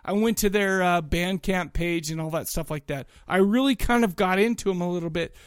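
A man with a high voice co-hosts a podcast, chatting a little fast about music in an enthusiastic, rambling, colloquial way, a casual music review. His tone is clean, and the studio sound has no echo.

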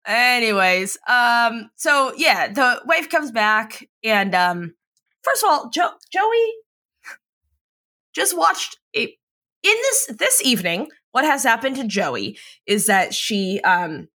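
Woman podcast co-host, casual recap chat, swears freely, laughs a lot, bright tone, lively swings in pitch. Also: takes it slowly. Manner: animated, profane, laughs often.

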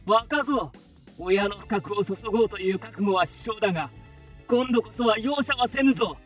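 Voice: medium pitch, normal speed, faint music behind, close to an everyday voice. An actor voicing a sly, mocking male villain in a period audio drama, taunting in stiff samurai speech.

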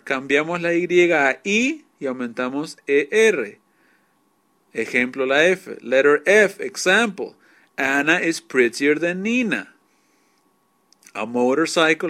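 A man's voice: on the high side, sharp tone. A man teaching English grammar, patiently explaining each rule and repeating examples in two languages.

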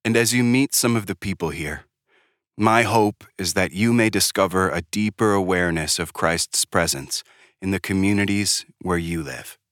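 A man reading a scripted devotional in a calm, measured, prayerful way, close to the mic. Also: deep voice, no echo. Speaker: devotional writer and reader. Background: soft background music.

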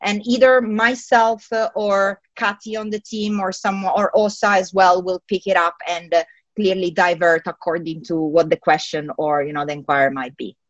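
A woman with an Italian accent chats warmly as an interview guest and laughs easily. Her voice comes over a remote call from a home bedroom, dry and a little muffled. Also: fairly low pitch, steady tone, moderate pace, no room sound. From Italy. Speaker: guest, company CEO.

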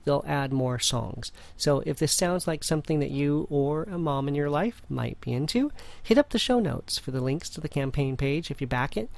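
Gravelly-voiced male podcast host. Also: medium pitch. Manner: relaxed, with frequent fillers. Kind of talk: casual show narration.

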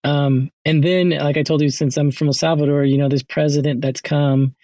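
A man's voice: a little high, little pitch movement, normal speed, warm tone, no room sound. A man hosting a casual interview chat, talking in a hesitant way as he searches for his words. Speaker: host.

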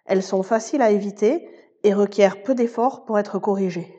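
Woman teacher with a mellow, muffled sound. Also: mid-range voice, brisk. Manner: patient, explanatory, addresses listener informally. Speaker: Spanish teacher. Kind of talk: scripted podcast lesson.

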